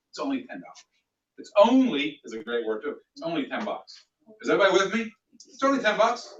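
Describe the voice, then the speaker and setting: Animated male sales trainer, echoey room. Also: a little high. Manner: animated, plays out customer dialogues. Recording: echoey room, distant mic, dull sound.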